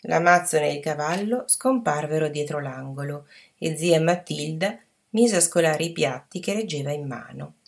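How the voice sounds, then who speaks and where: Low, gravelly woman reading a story. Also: expressive, normal speed, hardly any pauses. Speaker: audiobook narrator. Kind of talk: scripted story narration.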